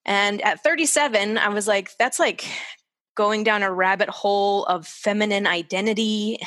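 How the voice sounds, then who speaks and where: A woman in her forties telling her own story in casual conversation, candid and animated, acting out the people she quotes. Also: medium pitch, moderate pace. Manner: candid and animated, quoting others in lively voices. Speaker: guest. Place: lives in the desert southwest of the US.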